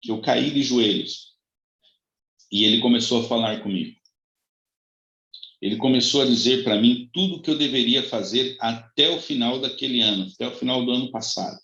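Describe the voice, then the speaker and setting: A man preaching as a pastor, telling a personal testimony with dramatic swings between high cries and soft low passages. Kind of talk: sermon testimony. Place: church. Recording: echoey, dull lo-fi church recording.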